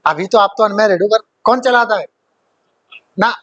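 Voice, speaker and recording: In this classroom lecture, a man's high-pitched, slightly bright voice moves at a moderate pace as he teaches grammar. He quizzes the class, goes back over key points, and mixes in English terms, though the audio loses its upper frequencies.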